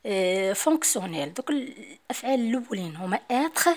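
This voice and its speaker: A woman with a Moroccan accent teaching a French lesson, explaining rules and mixing Arabic and French. She reads French examples slowly and deliberately. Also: medium pitch, sing-song, a little mellow. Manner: slow, deliberate dictation when reading French rules; mixes formal Arabic with Moroccan Arabic and French terms.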